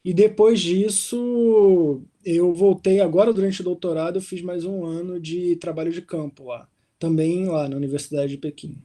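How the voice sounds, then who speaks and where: The interview takes place in a hotel room in London, where a young Brazilian doctoral researcher from Rio de Janeiro speaks as the guest. His voice is mellow and slightly high, delivered at a moderate pace with hardly any pauses. He keeps a relaxed, conversational tone, using fillers like "né" and "assim".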